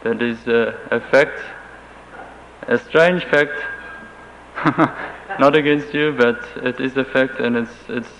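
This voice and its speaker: This German-accented man, a native German speaker, speaks at medium pitch with a slightly bright tone. He answers interview questions in a careful, halting way with frequent restarts, recorded on a dull lo-fi tape carrying faint hiss.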